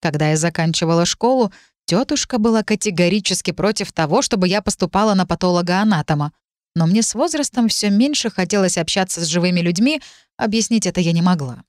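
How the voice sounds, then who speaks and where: A woman reading a first-person story aloud as audiobook narrator, even and measured. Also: on the low side, dry recording, studio quality.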